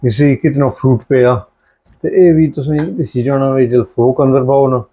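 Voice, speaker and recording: A man's voice: medium pitch, fairly even intonation, moderate pace. A middle-aged man casually showing home cooking in his kitchen, chatting easily and slipping in Punjabi-Urdu phrases. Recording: dull lo-fi home recording.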